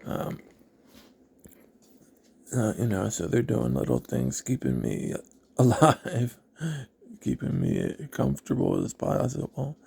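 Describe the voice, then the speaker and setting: A man recounts his own story in a slow, halting way, pausing often to collect himself. His voice is gravelly and husky, mellow in tone, and swings widely in pitch. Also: huge pitch swings. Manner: halting, reflective, many pauses. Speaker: vlogger. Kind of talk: personal storytelling.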